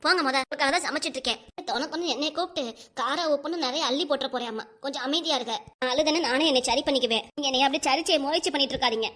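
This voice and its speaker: A high, bright, very fast-talking old grandmother in a cartoon, voiced by a woman, crying as she heaps reproaches on her husband. She speaks a southern Tamil Nadu dialect, and her voice stays sharp and quick throughout. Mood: tearful scolding. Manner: rapid, reproachful scolding. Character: upset old grandmother, wife over sixty. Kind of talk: cartoon voice acting.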